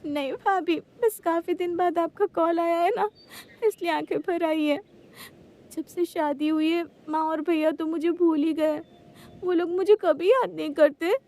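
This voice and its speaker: A woman's voice: very high-pitched, steady tone, unhurried, pauses often, a little mellow. A woman voicing a young, suffering wife in a cartoon story, talking in a pleading, tearful way. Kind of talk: Hindi cartoon story voice acting.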